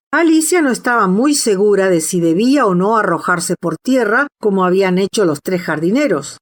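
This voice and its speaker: A woman reading a classic children's novel aloud as an audiobook narrator, in a steady, measured way. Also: mid-range voice. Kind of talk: scripted storybook narration.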